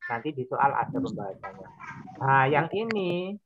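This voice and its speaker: A woman teacher patiently explaining recitation rules, modelling each word slowly and repeating it. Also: rumbling low, sing-song, highs cut off, background noise. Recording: loud crowd of pupils behind.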